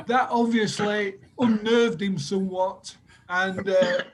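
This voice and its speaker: A man's voice: high-pitched, fairly even intonation, takes it slowly, slight background noise, rough recording. An older man from Sheffield with a Sheffield accent, chatting on a video call and telling a funny story, laughing at his own jokes. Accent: Sheffield English. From England. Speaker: group member telling a story. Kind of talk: casual anecdote on a video call.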